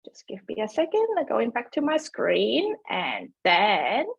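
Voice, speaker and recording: A woman whose first language is Cantonese presents a webinar into a computer mic, chatty and self-deprecating, with many fillers and restarts. Her fairly high, gravelly, husky voice swoops wildly in pitch at a measured pace. The sound is lo-fi.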